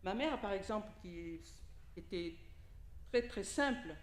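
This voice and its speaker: An Italian woman, a native speaker of Italian and a lay preacher, gives an informal sermon in a church hall during a service, speaking straight to the congregation with questions and asides. Her medium-pitched voice has lively intonation and a measured pace, and the sound is roomy. Her manner is conversational.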